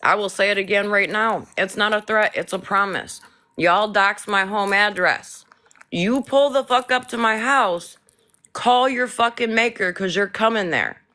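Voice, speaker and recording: A woman's voice: medium pitch, measured pace, pushed and bright. Blunt, swearing woman from Flint. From Flint, Michigan. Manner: blunt, swears often, heated. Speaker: live stream host. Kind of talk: casual live chat.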